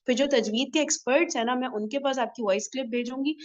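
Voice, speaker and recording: Woman host, slightly high voice, chatty and earnest, muffled lo-fi sound. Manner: chatty, earnest, full of fillers like "na" and "theek hai". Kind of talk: casual talk to listeners. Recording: dull lo-fi recording.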